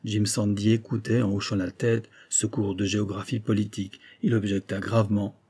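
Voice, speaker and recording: A male audiobook narrator with a mellow, darkish timbre and a slightly husky edge. He reads at a measured, steady pace. Every line is placed with care. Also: fairly low pitch. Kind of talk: scripted narration.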